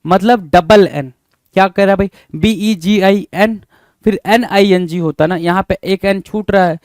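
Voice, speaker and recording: A man's voice: high-pitched, steady tone, clear, resonant tone, dry recording. Emphatic man spelling words aloud. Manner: repetitive, drawn-out and emphatic, often calls listeners bhai. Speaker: teacher. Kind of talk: spelling lesson, spelling words out letter by letter.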